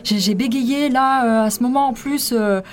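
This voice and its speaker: A woman's voice: a little high, moderate pace, noisy background, lightly acted. A woman voicing an anxious, stammering inner voice of a young doctoral student in a radio fiction. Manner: hesitant, stammering, worried.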